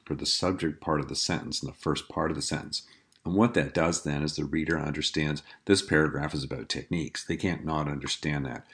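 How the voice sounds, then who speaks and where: A man with a very low, deep voice gives a writing lesson. He explains each technique patiently and reads example sentences aloud in a measured, instructive way. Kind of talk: scripted lecture on writing.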